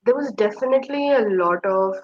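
This interview guest, a young woman from Kashmir, has a slightly high, slightly mellow voice and a brisk delivery. She recounts a personal story in a reflective, hesitant way full of fillers. The audio is dry and a bit muffled.

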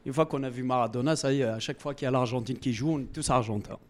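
A man's voice: mid-range voice, racing. A man in his forties, a bar owner, asking a chatty, storytelling question from the audience at a live talk. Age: 40s.

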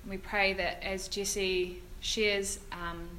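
A woman leading an informal, halting spoken prayer at a church service. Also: mid-range voice, level tone, a bit bright, slight background noise, low-quality recording.

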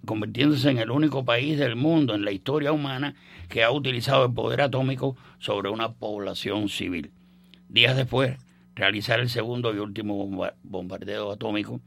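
An older Cuban man with a Cuban Spanish accent hosts a radio show, chatting casually on air about history in a rambling, joking style full of fillers and restarts. His voice is medium-pitched, a bit bright, with vocal fry.

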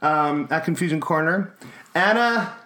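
A man's voice: fairly high pitch, measured pace, sharp tone. Rambling Canadian podcast host man. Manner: rambling, filler-heavy, jokey. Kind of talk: casual chat.

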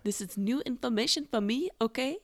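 A woman's voice: a little high, no echo, studio quality. A young woman chatting casually as a podcast host, informal and reactive, mixing in English phrases. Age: young adult. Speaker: podcast host interviewing her mother. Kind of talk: casual chat.

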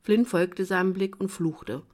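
A woman's voice: on the low side, a little slow. Woman narrating an audiobook. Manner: expressive storytelling. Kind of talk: first-person audiobook narration.

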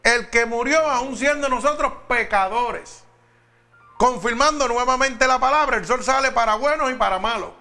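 A man's voice: very high-pitched, moderate pace, sharp tone, faint music behind. A man preaching a sermon, talking straight to the congregation with emphatic questions.

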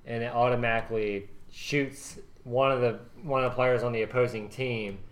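A man's voice: medium pitch, fairly even intonation, moderate pace. A man co-hosting a casual podcast, explaining things in a rambling, hesitant way. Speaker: podcast co-host. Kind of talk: casual chat.

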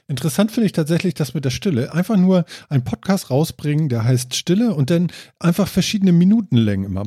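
A man's voice: on the high side, warm tone, no room sound, clean studio sound. A man hosting a casual podcast chat, rambling and joking loosely. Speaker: podcast host.

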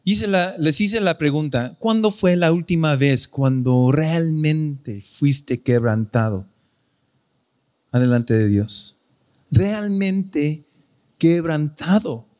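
A man's voice: fairly high pitch, animated, takes it slowly, darkish tone. Earnest male pastor. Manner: conversational, earnest preaching with self-corrections. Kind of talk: sermon.

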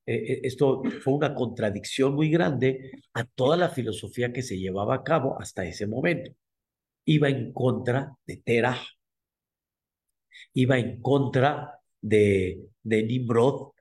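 A man with a Mexican Spanish accent giving a sermon as a rabbi, telling the story with emphatic repetition and frequent throat clearing. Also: medium pitch. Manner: emphatic, repeats key words, clears throat often.

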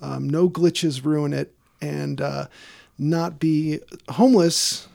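A man's voice: fairly high pitch, takes it slowly, creaky, darkish tone. A man hosting a podcast in a casual, chatty way. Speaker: podcast host. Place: small garden shed.

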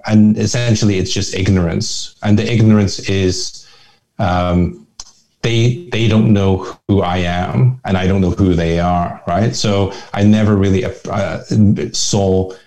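A deep, mellow-toned man from Northern Ireland speaks as a guest in a conversational interview. He is middle-aged and reflective, and he wanders through his thoughts with frequent restarts. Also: fairly even intonation, unhurried. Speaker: guest, family office chairman.

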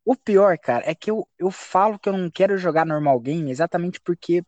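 A male podcast host in a loose, casual chat. His voice leaps up and down in pitch as he tells a story. He swears freely, and the sound is close and dry with no room echo. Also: fairly quick, dull audio. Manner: profane, animated storytelling.

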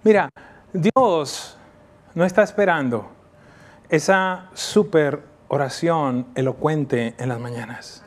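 Spanish-speaking pastor preaching a sermon. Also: male voice, a little high. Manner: animated preaching, voice rising for emphasis; slows down to read scripture. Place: church.

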